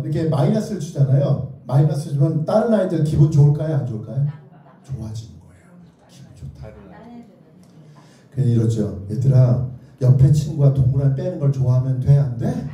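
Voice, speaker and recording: His voice is mid-range, expressive, brisk and dark-toned: a children's author giving a lecture who playfully and theatrically asks his listeners either-or questions to keep them involved. The sound comes from a distant mic in a very echoey indoor lecture room.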